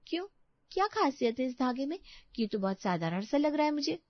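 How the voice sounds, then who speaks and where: A woman's voice: high voice, very animated, fairly quick, no room sound, highs cut off. A woman voicing Sunita, a young sulky sister-in-law who whines and demands attention, in a cartoon story. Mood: curious. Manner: whiny, demanding. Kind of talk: cartoon voice acting.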